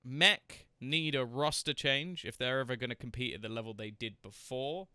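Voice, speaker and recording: Man with a crisp, bright voice. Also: medium pitch, normal speed, dry recording. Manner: hesitant, repeats words while thinking aloud. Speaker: podcast host. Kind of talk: casual esports podcast chat.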